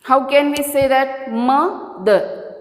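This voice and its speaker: A woman teaches grammar in a slow, patient, step-by-step way, often repeating her points. Her voice sits fairly high. The recording is roomy, with a long, ringing reverb. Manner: slow, repetitive, explaining step by step. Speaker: English teacher. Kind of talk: classroom grammar lesson. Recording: echoey room with long reverb.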